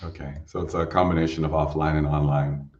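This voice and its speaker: A man's voice: extremely low pitch, little pitch movement, brisk, darkish tone. A man hosting a technical question session, reading out questions and introducing speakers. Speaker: session host and moderator. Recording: distant, echoey, slightly dull microphone.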